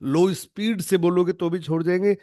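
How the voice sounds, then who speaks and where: A man's voice: high-pitched, steady tone, moderate pace, mellow, no room sound, clean studio sound. A man leading an online network marketing training, emphatic and demonstrative, acting out lines to show tone. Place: online video call.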